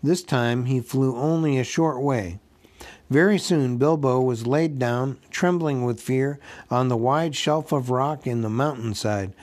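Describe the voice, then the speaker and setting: A man narrating a storybook aloud, slow and deliberate, giving each phrase room. His voice sits at an everyday middle pitch, and his reading is gently expressive without rushing. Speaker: audiobook narrator.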